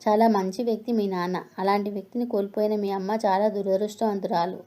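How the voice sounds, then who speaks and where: A woman's voice: mid-range voice, steady tone, quick pace, mellow, lightly acted. Woman reading as a preachy old retired teacher. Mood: lecturing. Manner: lecturing, preachy. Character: elderly retired male schoolteacher, stern and moralizing.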